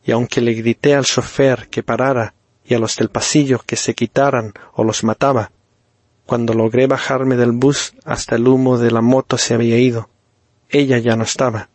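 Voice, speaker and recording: Slow, deliberate male storyteller. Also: medium pitch, level tone, darkish tone, no echo. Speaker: narrator. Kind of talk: dramatic first-person story reading.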